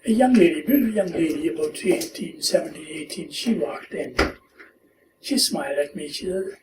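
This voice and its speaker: Born in India and raised in Pakistan, a man in his seventies with a Pakistani accent and a fairly high voice tells stories from his life in an oral history interview. He's unhurried and gently humorous, acting out the lines he quotes. The room is echoey, he sits far from the mic, and there is a faint hiss.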